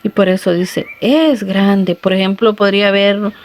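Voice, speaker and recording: A woman teacher at a middle pitch, walking young pupils through a recorded lesson. She talks slowly and patiently and calls her listeners little friends. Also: flat delivery, slight background noise. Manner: slow, patient, addressing children warmly as little friends. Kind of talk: recorded classroom lesson for children.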